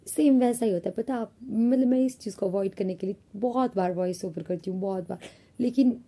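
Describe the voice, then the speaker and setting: A young woman chatting casually to her vlog viewers, with a naturally husky, slightly rough voice. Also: medium pitch, a little fast, mellow. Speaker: vlogger.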